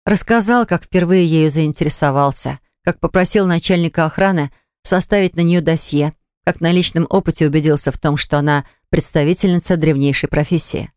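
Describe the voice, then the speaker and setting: An audiobook narrator reading scripted prose in an even, measured manner, recorded in a studio. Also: mid-range voice, clean tone, no echo.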